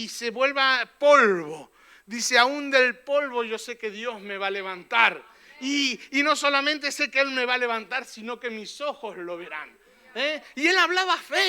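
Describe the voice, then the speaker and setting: A male pastor delivers a fervent sermon in church. His voice is extremely bright and sharp, and his pitch sits very high for a man. He keeps checking in with his listeners through short questioning tags.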